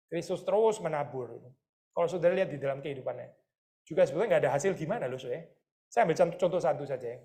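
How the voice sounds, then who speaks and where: Fast-talking male pastor preaching. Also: a little high. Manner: lively, rhetorical questions, addresses listeners as saudara; mixes English words into his talk. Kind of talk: conversational sermon.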